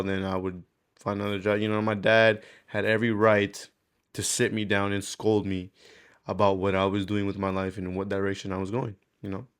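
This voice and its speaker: A man in his 20s, a vlogger, speaks in a fairly low, clean-toned voice. Candid and rambling, he uses plenty of slang and swearing, like someone recording a casual confessional video diary.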